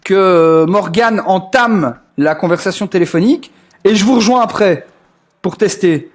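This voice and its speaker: A young man with a high-pitched voice runs a casual group voice call. He rambles, trips over his words and repeats himself often, with plenty of filler sounds. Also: a little slow. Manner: rambling, lots of hesitations and repeats. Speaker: group staff host.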